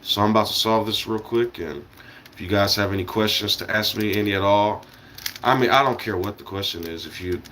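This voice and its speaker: Fairly quick and on the low side, this American man's bright, forceful voice carries a little hiss or hum. As a live streamer, he gives a loose, opinionated monologue, cursing freely and wandering off into asides.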